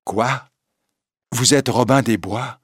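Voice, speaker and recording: A man's voice: medium pitch, slow pace, husky, no room sound, studio quality, voice pushed up. A man voicing a grateful old woman. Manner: warm, eager, grateful.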